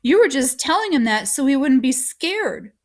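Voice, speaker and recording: A woman's voice: sits high, lively intonation, moderate pace, voice pushed up. A woman reading aloud as a grieving, angry teenage boy whose voice rises and pushes hard. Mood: distraught. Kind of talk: audiobook reading.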